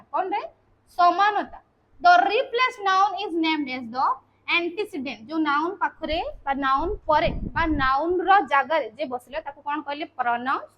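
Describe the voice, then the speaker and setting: A woman's voice: extremely high pitch, dull audio. A woman teaching a grammar lesson, explaining patiently step by step and often ending points with a checking tag. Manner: patient step-by-step explaining, repeating key terms. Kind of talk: classroom lesson.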